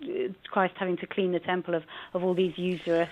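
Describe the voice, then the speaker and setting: A woman's voice: on the low side, flat delivery, brisk, a little hiss or hum. Woman guest on a phone line. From England. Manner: hesitant, many restarts. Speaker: museum guest. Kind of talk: radio interview.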